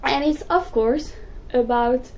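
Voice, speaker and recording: High-pitched young french-speaking woman gushing about her books, excitable, rattles on. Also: low-quality recording. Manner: excitable, gushing, quick bursts. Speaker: book vlogger. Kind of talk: casual chat to camera.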